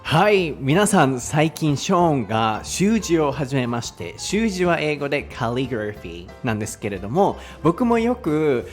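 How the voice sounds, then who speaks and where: A man's voice: on the high side, very animated, moderate pace, hardly any pauses, faint music behind. A Japanese man hosting an English lesson podcast, chatting casually and explaining with a laugh. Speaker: podcast host and English teacher. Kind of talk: casual bilingual lesson chat.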